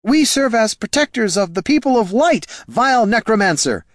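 A man's voice: sits high, big pitch swings, normal speed, fairly bright tone, no room sound, studio quality, voice pushed up. A man voicing an impetuous male priest who declaims with indignant zeal.

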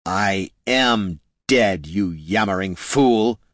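A man voicing an undead male lich wizard, speaking slowly in a hollow, scornful, condescending way. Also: lowish voice, lively intonation, a bit bright, no room sound, clean studio sound, exaggerated voice. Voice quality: hollow, slow and drawn-out. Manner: condescending, dryly mocking.

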